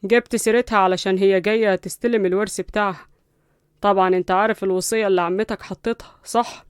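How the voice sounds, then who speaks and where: A woman plays an earnest middle-aged father in a storybook, with an Egyptian Arabic accent. His voice is smooth and clear, the pace quick, the recording dry. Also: medium pitch, steady tone, no room sound, natural voice.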